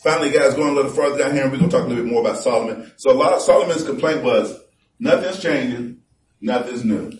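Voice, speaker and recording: A man's voice: mid-range voice, slight background noise. Conversational male preacher, echoey and distant. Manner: conversational, reads scripture slowly and emphatically. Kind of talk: sermon. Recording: echoey room from far off.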